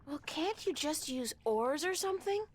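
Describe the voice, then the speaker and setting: High-voiced inquisitive young adventurer. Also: female voice, expressive, normal speed. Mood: curious. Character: inquisitive young female adventurer, polite and bookish.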